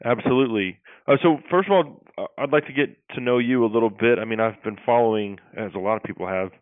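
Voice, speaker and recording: A man's voice: mid-range voice, fast, no echo. A man hosting an interview, asking questions in a friendly way with many fillers. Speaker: radio show host. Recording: tinny phone-like line.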